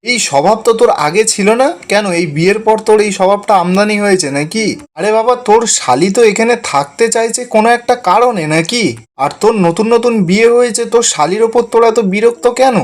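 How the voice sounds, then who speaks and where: A man's voice: sits high, lively intonation, normal speed. A man reading the lines of a stern, angry old grandaunt in a serial recap, in a scolding, indignant manner.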